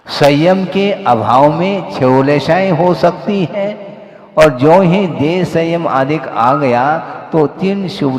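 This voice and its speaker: Monk giving a sermon, slow n teacherly, keeps asking "hm?", big roomy hall echo. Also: male voice, medium pitch, darkish tone. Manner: slow, questioning, teacherly, stresses points with "hm?" and "haan". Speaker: Jain monk preacher. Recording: echoey hall, long reverb.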